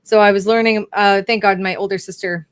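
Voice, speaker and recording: A woman's voice: medium pitch, fairly even intonation, brisk, no echo. A young woman co-hosting a podcast, chatting casually in a rambling, self-correcting way. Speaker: podcast co-host. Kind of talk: casual chat.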